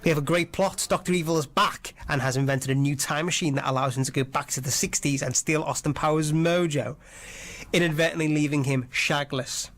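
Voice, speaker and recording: A man's voice: a little high, steady tone, brisk, a bit bright. A man hosting an online radio show, chatting casually and enthusiastically about films with jokey asides. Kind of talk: casual movie trivia chat.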